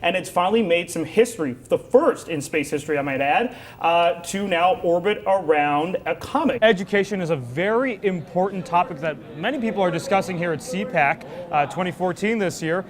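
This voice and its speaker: High-voiced young male news host. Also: expressive, brisk, hardly any pauses. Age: young adult. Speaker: news show host and political commentator. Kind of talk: broadcast news hosting and commentary.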